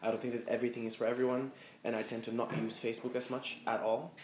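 Talking fast in a flat, medium-pitched voice, a Dutch man in his thirties from Amsterdam appears as a guest fashion stylist in front of a small audience. He reflects openly, using many fillers, and the room lends an echo plus faint background noise.

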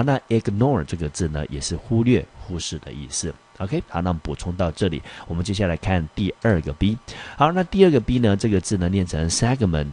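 A male high school English teacher explaining vocabulary in a lesson, reading English sentences slowly and with many fillers. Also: mellow. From Taiwan.

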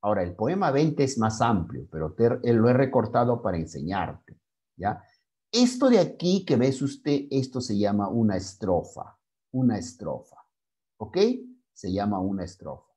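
A male secondary school literature teacher giving a class, explaining poetry and reciting verses with deliberate pauses, often checking in with his students. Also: fairly low pitch. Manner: slow, lively delivery with frequent "¿ya?" and "¿ok?" check-ins.

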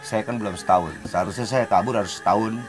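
A man telling his story in casual, lively talk. His pitch leaps upward whenever the story heats up. Faint music plays under his voice. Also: quick pace. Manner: animated, pitch jumps up when telling the fight. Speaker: interviewee telling of his past crimes.

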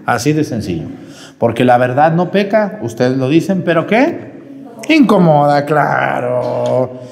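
Priest, homily, chatty and animated, long church reverb. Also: male voice, mid-range voice, unhurried, creaky. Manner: lively, conversational preaching with sudden rises and drops.

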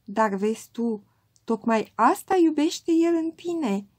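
A woman voicing a worldly young woman who teases her friend in a full, soft voice. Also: high voice, expressive, husky. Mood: teasing.

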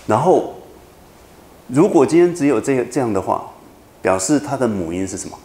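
His medium-pitched voice has a sing-song, mellow quality as he lectures students at a normal speed in a reverberant space. He explains with patience, repeats himself, and keeps asking if everyone follows.

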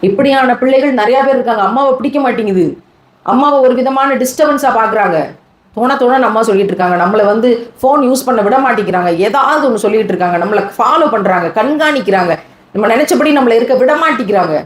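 A woman preacher giving an animated sermon to young people, acting out what children and mothers say. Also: on the high side, quick pace, roomy sound, low-quality recording. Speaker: Islamic preacher.

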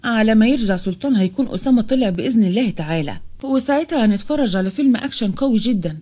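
A woman's voice: a little high, animated, racing, mellow. A woman voicing a calculating, scheming woman with an Egyptian accent, reading in a storybook tone. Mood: smug.

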